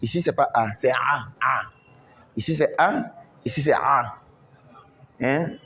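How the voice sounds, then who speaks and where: A man's voice: medium pitch, bright, forceful tone, breathy edge. A man teaching Quran recitation in French, patiently repeating each word and drawing out the recited syllables. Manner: slow, repeats words many times, drawn-out recitation.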